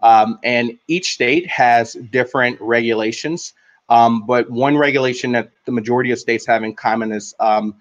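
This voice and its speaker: A man entrepreneur answering a question off the cuff in a halting, explanatory way. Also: mid-range voice.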